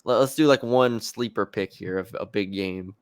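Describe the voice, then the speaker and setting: A man's voice: on the low side, moderate pace, smooth, no room sound, clean studio sound. A man co-hosting a sports podcast, chatting casually about football picks with fillers and restarts. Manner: conversational, hesitant with fillers and restarts.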